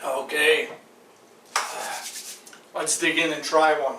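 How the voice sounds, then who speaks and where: A man hosting a casual home cooking vlog, talking slowly and savoring the food as he tastes it in his kitchen. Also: a little high, reverberant, noisy background. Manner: slow, relaxed, savoring food between lines. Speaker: cooking show host.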